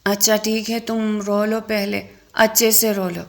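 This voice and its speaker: A woman voicing a sharp-tongued, impatient young female friend in a story reading. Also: medium pitch, level tone, natural voice.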